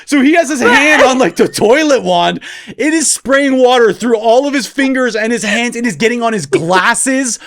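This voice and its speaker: Male podcast co-host in his 30s, high and animated, laughing storyteller. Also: normal speed. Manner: animated, laughing through the story, acting out quotes. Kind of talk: casual storytelling chat.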